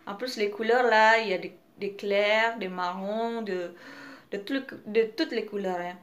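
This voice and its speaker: Slow, hesitant woman reviewing makeup. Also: mid-range voice. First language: not French. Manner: hesitant, many fillers and restarts. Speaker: beauty vlogger. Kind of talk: casual product review.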